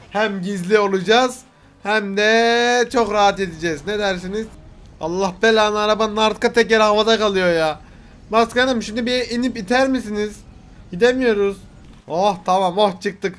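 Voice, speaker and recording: Excitable high-voiced man commentating gameplay. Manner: excitable, bursts into shouts; role-plays a chauffeur talking to his boss. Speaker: gaming YouTuber.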